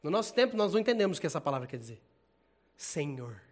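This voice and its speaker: High-voiced, lively preacher man. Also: fast talker. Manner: casual, animated, slangy preaching, laughs often. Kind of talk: informal sermon.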